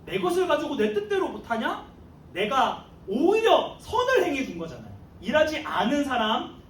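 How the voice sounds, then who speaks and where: A man's voice: very high-pitched, fairly bright tone, slight background noise. A man preaching to a youth group, telling the story animatedly with slang and chuckles. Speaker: youth pastor. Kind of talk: youth sermon. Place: church sanctuary. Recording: echoey room, mic far off.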